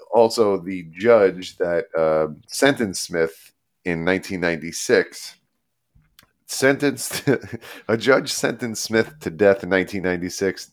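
A man co-hosting a podcast, chatting casually and bluntly, swearing often and restarting his sentences. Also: low-pitched. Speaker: podcast co-host. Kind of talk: casual comedic chat.

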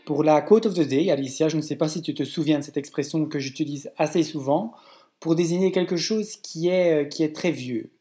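A man's voice: fairly high pitch, fairly quick, mellow, soft background music. A man co-hosting a casual podcast chat, teasing his co-host in a mock-formal way. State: tired voice, clearing throat.

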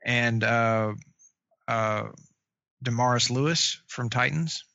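Gravelly bright-voiced guy chatting casually, lots of uhs, dull dry lo-fi audio. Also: mid-range voice, no room sound. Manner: halting, many fillers and restarts. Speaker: podcast co-host. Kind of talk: casual chat about comic book shows.

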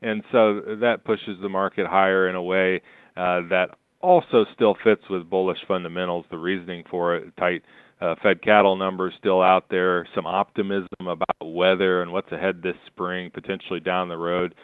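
Deep-voiced man on a phone line. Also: clear, resonant tone, dry recording. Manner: measured, steady delivery with frequent fillers. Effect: heard over the phone. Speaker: market analyst guest. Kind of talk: market commentary. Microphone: telephone.

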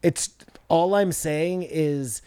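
A man's voice: fairly high pitch, drawn-out words, warm tone, smooth, no echo, studio quality. A man co-hosting a podcast in casual chat, speaking in an offhand, joking way. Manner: offhand, jokey, loose talk. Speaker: podcast co-host.

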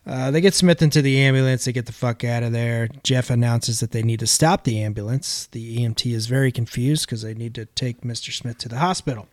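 A man's voice: medium pitch, steady tone, brisk, hardly any pauses, a little mellow, no echo, studio quality. A man hosting a casual podcast, recapping a film scene by scene in plain narration.

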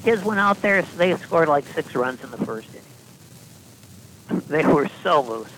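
A man, a podcast guest, telling long anecdotes in a deadpan style with dry asides and frequent restarts. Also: fairly high pitch, slow, background noise. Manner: deadpan, self-correcting storyteller with dry asides. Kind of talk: casual anecdotal storytelling.

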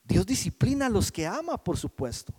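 A man preaching a sermon, rising to loud emphatic lines and dropping to hushed prayerful words, often asking his listeners "right?". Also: high voice, sing-song, normal speed, breathy edge, in a large hall. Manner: preaching with swells of volume and hushed prayerful drops; checks in with the audience with frequent "¿sí?". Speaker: pastor.

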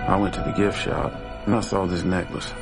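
Film drama: determined middle-aged father, standard American accent, deep creaky voice, plain-spoken, under heavy music. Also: flat delivery, fairly quick. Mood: subdued. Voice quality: low, gravelly. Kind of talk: naturalistic film drama acting. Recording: loud film score over dialogue.

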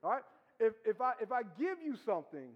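High-voiced pastor preaching in a reverberant hall. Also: male voice, sing-song, brisk. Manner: conversational, teasing preaching with laughs and rhetorical questions. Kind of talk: sermon. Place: church hall. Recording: dull sound with long hall reverb.

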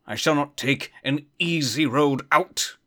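A man's voice: a little high, measured pace, pushed and bright. A man voicing a stubborn, formal knight in full armor who speaks in a solemn, archaic way. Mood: haughty. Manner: archaic, pompous, solemn speech. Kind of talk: tabletop roleplay in character.

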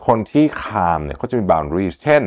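A young man hosting a podcast, talking in a relaxed, chatty way with lots of fillers and polite particles. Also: low voice, normal speed. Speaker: podcast host. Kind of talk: casual podcast talk.

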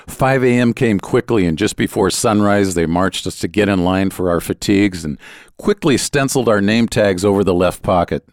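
A man's voice: on the low side, moderate pace, dry recording, clean studio sound. An older American man telling his life story as a memoir, wry and conversational, with playful asides.

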